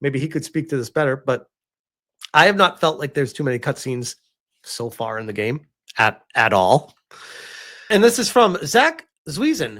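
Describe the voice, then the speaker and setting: A male streamer, his voice a little high and fairly bright, comments on gaming news in a casual livestream. He's informal and incredulous, his emphatic phrasing broken by pauses and peppered with rhetorical questions.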